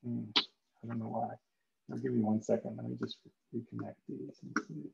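A man's voice: medium pitch, steady tone, moderate pace, creaky, heavy background noise. Man lecturing, muffled as through a wall. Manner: explaining casually with frequent "um" and "uh" fillers. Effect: muffled, as if heard through a wall. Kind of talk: online lecture. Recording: dull, muffled lo-fi mic sound.

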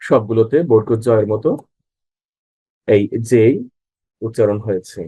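A man teaching English pronunciation in a slow lesson. He reads example words one at a time and then explains how each sound is said. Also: lowish voice, steady tone, mellow, no echo, poor audio.

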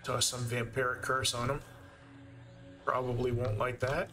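A man's voice: mid-range voice, flat delivery, measured pace, bright, forceful tone, soft background music. A man with a Canadian accent giving easygoing live commentary while he plays a game and thinks aloud. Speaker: game streamer.

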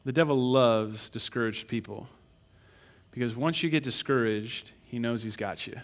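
A middle-aged man preaching a sermon as pastor, animated, breaking into whiny put-on voices when acting out complaints. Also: medium pitch, normal speed.

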